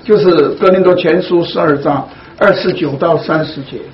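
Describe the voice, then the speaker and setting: Man, Bible study leader, high voice, slow deliberate teaching, many fillers, dull lo-fi recording. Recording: dull lo-fi recording, faint hiss.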